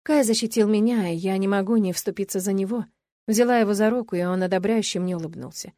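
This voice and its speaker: Woman, audiobook narration, first-person story, even expressive reading, dry close mic. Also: mid-range voice, quick pace, dry recording. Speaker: audiobook reader.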